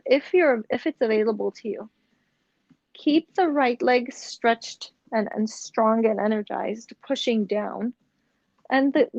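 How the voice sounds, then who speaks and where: A young woman leads a yoga session at a slow, unhurried pace, her voice mellow and a touch high. Her cues are gentle and mixed with chatty asides. The recording is dry and slightly dull. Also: no echo. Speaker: yoga instructor. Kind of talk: guided yoga instruction.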